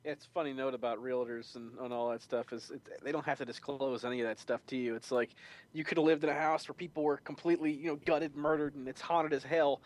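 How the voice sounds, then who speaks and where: A man's voice: medium pitch, fairly even intonation, fast, a little mellow. A man in casual chat, making wry, offhand remarks.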